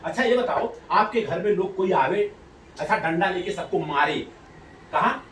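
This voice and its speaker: A man's voice: high-pitched, expressive, measured pace, fairly bright tone, slight background noise. A man, coaxing and quizzing a child in a playful, laughing way. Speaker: rationalist activist quizzing a child. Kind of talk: casual questioning chat. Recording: roomy sound from a distant mic.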